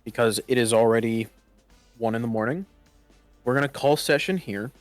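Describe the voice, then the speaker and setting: A man's voice: mid-range voice, normal speed, no room sound, soft background music. Laid-back man running a roleplay game. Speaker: game master. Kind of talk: casual chat wrapping up a roleplay session. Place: online voice chat in a virtual world.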